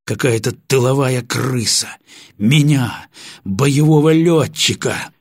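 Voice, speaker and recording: A man's voice: medium pitch, normal speed, slightly rough, no echo, studio quality. A man voicing a stubborn combat pilot captain who speaks tersely and defiantly. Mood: indignant.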